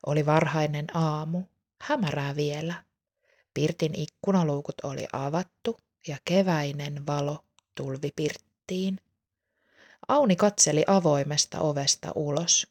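A woman reading a children's story aloud in a calm, unhurried way. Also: deep voice.

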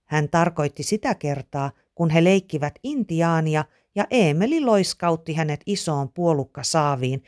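A woman reads a children's storybook aloud. Her voice sits low, but her pitch swings widely. She tells the story in an animated, expressive way. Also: few pauses. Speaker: narrator.

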